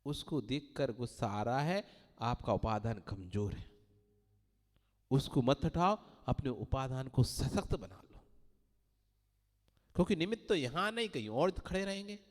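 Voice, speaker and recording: A man's voice: mid-range voice, animated, a little slow, pauses often. A man giving a Hindi-language sermon as a Jain monk, telling parables and acting out the voices of the people in them. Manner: storytelling, acting out quoted voices. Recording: long hall reverb.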